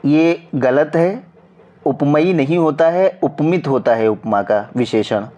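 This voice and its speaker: A coaching teacher with a Hindi accent and a slightly high, dark voice explains exam practice questions slowly and repetitively, checking in with viewers often. The sound is lo-fi.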